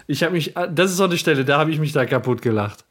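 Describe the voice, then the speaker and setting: Male co-host, slightly high voice, inquisitive and reasoning. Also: lively intonation, quick pace, a bit bright. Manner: questioning, reasons things through, laughs often. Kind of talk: casual podcast chat about a cartoon episode.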